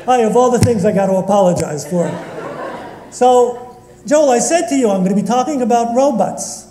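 A man's voice: extremely high pitch, lively intonation, normal speed, mellow. A man from Northeast Philadelphia giving a sermon as a rabbi, joking and bantering with his congregation in a synagogue sanctuary. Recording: echoey hall reverb.

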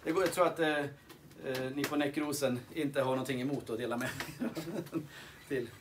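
A man's voice: mid-range voice, background noise. A man hosting a live sing-along, chatting casually with many fillers and restarts. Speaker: sing-along host and guitarist. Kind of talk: casual live-stream chat. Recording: guitar playing behind voice. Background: guitar music.

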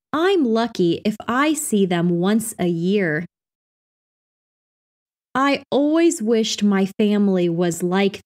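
In a clear, carefully enunciated scripted delivery, a woman reads everyday practice phrases for an English lesson. Her mid-range voice is a little mellow.

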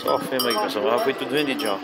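A man's voice: mid-range voice, very fast. A man filming a cattle fair, asking sellers their prices and repeating them for viewers. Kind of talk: walkabout video commentary. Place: outdoor cattle pens at a livestock fair. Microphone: handheld camera mic. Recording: loud fair crowd behind. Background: busy fair crowd chatter.

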